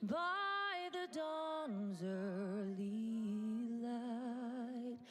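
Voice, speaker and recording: A woman sings unaccompanied, stretching every note with steady control. Her voice sits high. It comes through broadcast audio with faint music behind it. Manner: slow, sustained, controlled singing. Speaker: anthem singer. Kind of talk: solo a cappella anthem singing.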